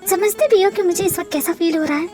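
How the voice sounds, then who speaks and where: A woman's voice: very high voice, quick pace, dark tone, faint music behind. A woman voicing a grieving young wife in a fan audio drama, tearful and pleading. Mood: anguished.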